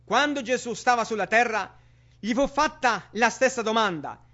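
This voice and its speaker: A man's voice: very high-pitched, moderate pace, sharp tone. A man preaching a sermon with emphatic rhetorical questions to the congregation. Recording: dull lo-fi sermon recording.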